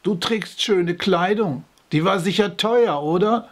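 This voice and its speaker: A man's voice: high voice, a little slow, voice pushed up. A man reading aloud, voicing a stubborn, nosy old male villager in an audiobook. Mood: curious. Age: older. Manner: stubborn, self-assured.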